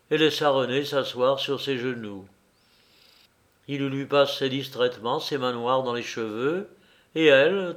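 A man reading a novel aloud as narrator, in measured, unhurried storytelling. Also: medium pitch.

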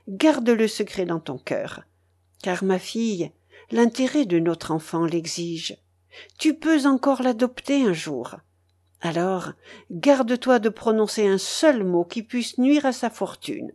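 Woman doing a solemn bishop, grave, admonishing, slow and measured. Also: on the high side, a little mellow.

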